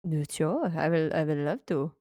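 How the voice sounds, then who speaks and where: A hesitant young journalist with a Ukrainian accent, played by a woman in a tabletop game, pausing and restarting as she hunts for the right words. Her voice sits fairly low and sounds dry and close. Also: animated, dark tone, dry recording. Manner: halting, searching for words.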